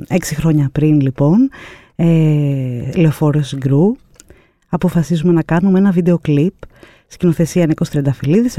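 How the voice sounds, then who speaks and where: A woman guest, a producer, telling an anecdote in a lively, expressive way with many fillers and pauses. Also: low-pitched, no echo, clean studio sound. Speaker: producer and artistic director, guest. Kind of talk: animated storytelling anecdote.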